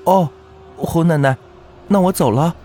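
A man voicing an eager young village boy who calls out high and brightly to his dog and a neighbor. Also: measured pace, faint music behind, lightly acted.

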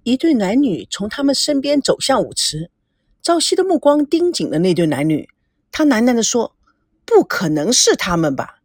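A woman narrator reading a novel aloud as an audiobook, with an expressive delivery. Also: fairly high pitch, moderate pace, slightly rough, no echo, studio quality. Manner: expressive, acts out dialogue.

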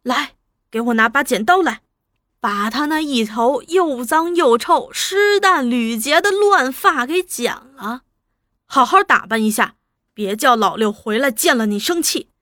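A woman's voice: sits high, lively intonation, a little slow, sharp tone, no echo, clean studio sound, heavily acted. A woman voicing a stern village mother who scolds in an exasperated way in a storybook reading. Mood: scolding. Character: stern rural mother, scolding but soft-hearted.

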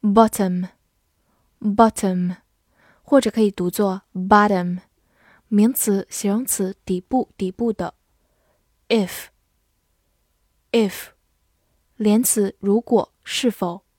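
Woman teacher drilling vocab, says every word twice, soft mellow voice, super slow. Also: mid-range voice, breathy edge, no room sound, clean studio sound. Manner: says each word twice, then lists its parts of speech and meanings.

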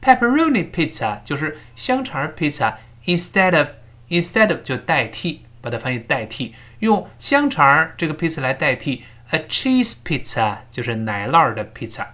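Lively, bright-voiced male English teacher. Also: a little high. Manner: drills phrases slowly, repeats for students; explains sounds step by step. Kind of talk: recorded pronunciation lesson.

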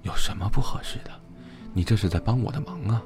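A man voicing an injured young man who speaks weakly, breathy and faint. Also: on the low side, big pitch swings, fast, darkish tone.

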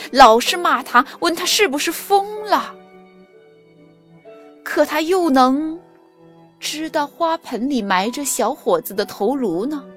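A high-voiced woman from China, speaking with a standard Mandarin accent, narrates a children's fairy tale like a storyteller or teacher would. Her delivery is expressive and carefully enunciated, with music playing beneath it.

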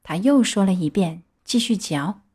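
A woman reading a children's storybook aloud with lively, expressive storytelling. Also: mid-range voice, moderate pace, breathy edge.

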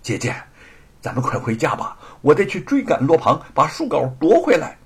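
A man voicing a cold, commanding young swordswoman in a storytelling performance, with a husky voice. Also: on the high side, wildly swooping pitch, normal speed, heavily acted. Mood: stern. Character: stern sword-wielding heroine, young woman.

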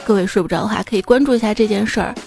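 A woman's voice: medium pitch, very fast, creaky, darkish tone. A woman hosting a podcast, reading jokes aloud and chatting about them with listeners in a playful, conversational way. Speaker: podcast host. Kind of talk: reading jokes with casual commentary. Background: faint background music.

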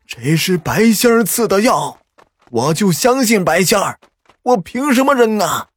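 A man voicing a stubborn, defiant lame old man in a spooky audio story, shouting back at his son. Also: medium pitch, expressive, unhurried, husky, dry recording, soft background music. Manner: cackling, obstinate shouting.

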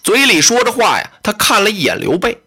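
Lively, bright storyteller. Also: mid-range voice, fairly quick, slightly rough. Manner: lively, dramatic, explanatory asides. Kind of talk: traditional storytelling performance.

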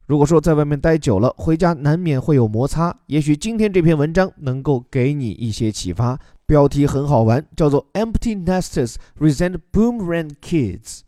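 A man's voice: fairly high pitch, lively intonation, normal speed, hardly any pauses, warm tone, dry recording, clean studio sound. A man who teaches as a podcast host, patiently explaining an English news article word by word with examples.

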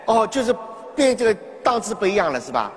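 A shrill, sly old Shanghai grandmother, as a man puts her on in a stage comedy sketch, with a Shanghai accent. She mocks and plays dumb in a very high voice that swoops widely. A long hall echo and an audience sit behind her. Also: sing-song, fast talker. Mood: mocking. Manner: mocking, feigns confusion, teases. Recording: reverberant hall with audience and noise.

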